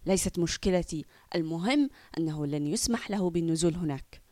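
A rude, scornful lifeguard, played by a woman narrating a children's story, snapping out short, loud lines. The voice is close and dry. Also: on the low side, animated, brisk, no room sound, pitched below the performer's own voice, natural voice. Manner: contemptuous and curt.

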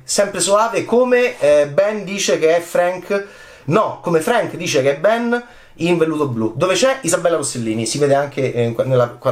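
A male film critic offers casual commentary on an awards night in an echoey room. He rambles enthusiastically, shifting from soft asides to excited, high-pitched bursts.

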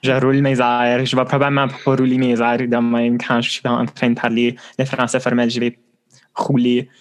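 Guest, man, laid-back code-switching, monotone pitch. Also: moderate pace. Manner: relaxed, mixes in English words. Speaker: podcast co-host guest. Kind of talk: casual interview chat.

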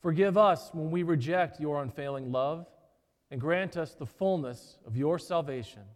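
A man leading liturgical prayers in a large church, slow and measured, his voice ringing with cathedral echo. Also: fairly high pitch. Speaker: worship leader.

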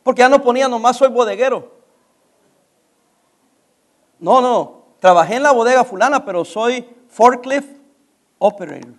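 Lively high-voiced Mexican man telling stories. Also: moderate pace, long pauses. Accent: Mexican Spanish. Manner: animated, acts out dialogue, laughs while telling. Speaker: storyteller. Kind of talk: casual anecdote to listeners.

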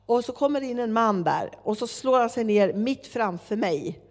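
A woman preaching a sermon, telling a story with lively acted-out dialogue. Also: fairly high pitch. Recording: long hall reverb.

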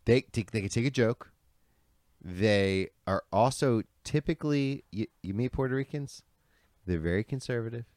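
A man's voice: medium pitch, normal speed, darkish tone, no room sound, clean studio sound. A man hosting a podcast in a rambling, slangy, sweary way, full of bro and dude. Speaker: podcast host. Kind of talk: casual rambling podcast chat.

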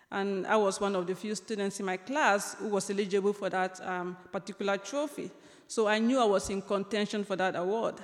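A young woman, an author telling a personal story on stage, with light humor and many ums and restarts. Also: medium pitch. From Cameroon. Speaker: author giving a talk. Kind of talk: storytelling lecture. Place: large lecture hall. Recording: long reverb of a large hall.

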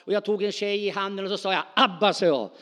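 Spontaneous high-voiced preacher man. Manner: animated, spontaneous, calls out to the congregation. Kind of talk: sermon. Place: church hall. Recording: long hall reverb.

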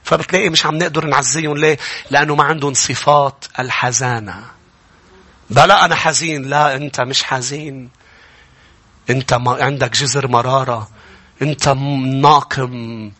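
A man with a Lebanese accent preaching a sermon, swinging from quiet, close speech to loud, impassioned peaks. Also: medium pitch, fairly even intonation, moderate pace. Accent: Lebanese Arabic. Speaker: pastor.

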